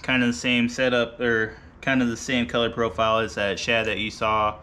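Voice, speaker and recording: A man in his thirties with a bright, forward voice talks casually through his gear, relaxed and rambling, full of ums and uhs. He sits in a garage close to the camera mic, with a faint hum behind him. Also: medium pitch, moderate pace. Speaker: fishing vlogger. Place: garage, seated by boat gear.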